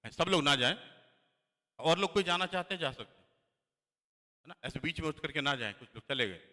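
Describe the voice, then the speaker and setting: Bright-voiced male preacher in an echoey church. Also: a little high, lively intonation, brisk. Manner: emphatic preaching, rising loudly for scripture. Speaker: pastor. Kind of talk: sermon.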